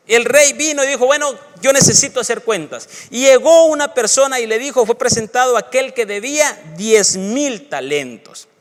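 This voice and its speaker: A pastor preaches with a notably high voice, reading scripture and swelling into emphatic bursts. He sounds like a man in a church, and his voice trails into a long reverb. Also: lively intonation, moderate pace, hardly any pauses. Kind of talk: sermon.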